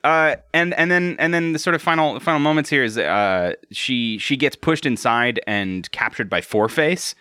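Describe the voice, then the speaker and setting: Bright, lively man in casual podcast chat. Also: mid-range voice, normal speed, hardly any pauses, clear, resonant tone, no echo, clean studio sound. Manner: jokey, laughs while talking. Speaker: podcast co-host. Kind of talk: casual episode recap chat.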